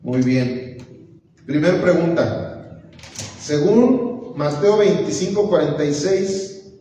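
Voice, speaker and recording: A man's voice: on the high side, slow, dark tone. A man teaching an evangelism class in church, asking the class to read out verses. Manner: asks the class to read verses, preachy and encouraging. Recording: echoey hall from far off, faint room noise.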